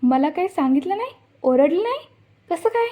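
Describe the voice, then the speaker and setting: A woman's voice: sits high, moderate pace, lightly acted. A woman reading the lines of an anxious young man. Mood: puzzled. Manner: plain reading of quoted lines. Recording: dull lo-fi recording.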